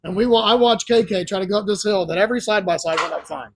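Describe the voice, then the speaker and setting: A man's voice: sits high, fast talker, vocal fry, noisy background. A man telling long, rambling stories in a laid-back, casual way as a podcast guest. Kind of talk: casual storytelling.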